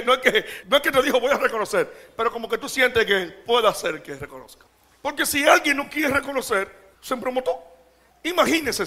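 A high-voiced pastor preaches to his congregation in an animated, joking way. He calls out rhetorical questions and laughs often.

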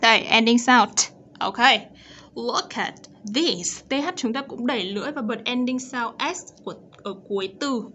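A woman teacher with a Vietnamese accent explaining pronunciation and reading model sentences slowly and clearly. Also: a little high, a bit bright, a little hiss or hum. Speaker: English teacher. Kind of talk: pronunciation lesson. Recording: dull lo-fi recording.

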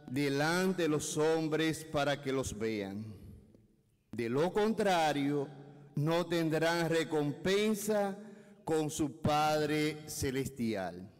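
An older man solemnly reading scripture at Mass in measured, deliberate phrases, in a church with cathedral-like echo. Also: fairly high pitch, clear, resonant tone. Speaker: clergyman proclaiming the Gospel at Mass. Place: church, at the lectern. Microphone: gooseneck lectern microphone. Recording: echoey church, long cathedral-like reverb.

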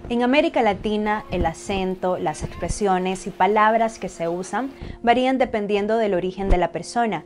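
Woman narrating a news report. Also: mid-range voice. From Nicaragua. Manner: even, measured reading.

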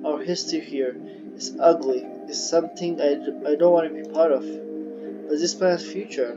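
A man reading aloud the lines of a woman scientist exploring an alien ocean, slow and earnest, with halting restarts. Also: a little high. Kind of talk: reading game dialogue aloud. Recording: dull lo-fi audio with game music.

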